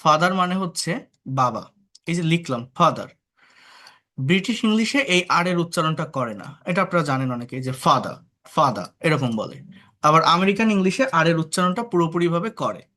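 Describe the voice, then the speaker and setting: A man's voice: on the high side, expressive, quick pace, bright, forceful tone. A man from Bangladesh teaching an online English class, explaining patiently, asking the class rhetorical questions and mixing English words into his talk. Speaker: English tutor.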